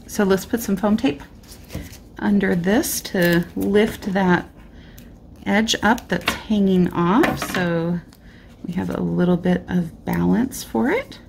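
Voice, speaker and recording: Chatting casually as she works through a card-making tutorial, a woman thinks aloud at an indoor craft desk, her voice a little strained. It's mid-range, creaky and darkish in tone, with slight background noise. An overhead camera frames only her hands on the craft mat.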